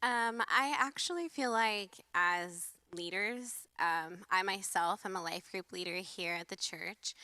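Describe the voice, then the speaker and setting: A woman's voice: medium pitch, unhurried, hardly any pauses, sharp tone, dry recording. A young woman who leads a church life group, chatting casually and animatedly on a panel and often laughing.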